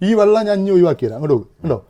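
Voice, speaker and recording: A man's voice: fairly high pitch, big pitch swings, very fast, warm tone, muffled recording. A man giving a casual hands-on demonstration, explaining each step and checking that the listener understands. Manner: explains step by step, keeps asking if you understand. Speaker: home arrowroot powder maker demonstrating.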